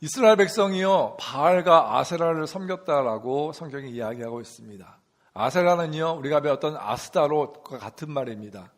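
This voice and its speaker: A man's voice: fairly high pitch, animated, a little fast. A middle-aged man preaching a sermon in a church, asking the congregation questions and repeating key words in a rhythm. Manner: call-and-response questions to the congregation; rhythmic repetition for emphasis. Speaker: pastor. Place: church sanctuary.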